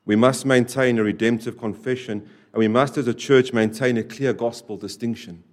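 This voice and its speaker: During a church service, a preacher delivers his sermon at a moderate pace with a steady, mid-range voice. Key phrases come back again and again as he alternates loud, emphatic lines with soft, trailing endings.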